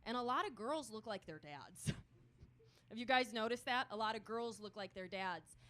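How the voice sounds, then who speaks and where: A young woman performing a stand-up comedy set on a club stage, telling dark self-deprecating jokes with deadpan delivery. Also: a little high, normal speed.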